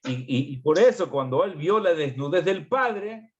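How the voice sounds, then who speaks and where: A man's voice: fairly high pitch, expressive, unhurried, highs cut off. A man, a rabbi teaching a religious parenting class, earnest and explanatory, often restarting his phrases. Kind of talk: religious parenting lesson over video call. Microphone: video call.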